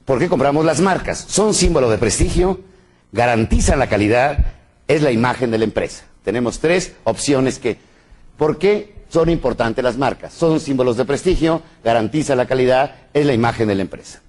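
A man's voice: mid-range voice, expressive, normal speed, a little mellow. A man with a Mexican accent giving a live business lecture with jokes, quizzing the audience with frequent tag questions. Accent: Mexican Spanish. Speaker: seminar speaker.

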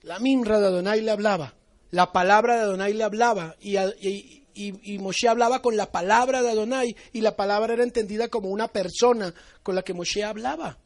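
A man with a Colombian accent giving an animated Torah teaching to his congregation, acting out little everyday dialogues as he goes. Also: high voice, fairly quick.

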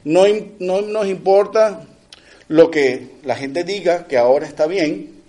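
A middle-aged man preaching a conversational sermon, often checking in with his listeners with quick asides, swinging between loud emphatic lines and quiet ones. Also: high voice.

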